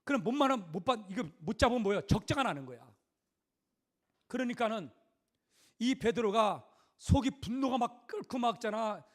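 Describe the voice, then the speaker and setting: A man's voice: very high-pitched, expressive, normal speed, long pauses. A middle-aged male pastor preaching a sermon in a conversational, emphatic way, full of rhetorical questions.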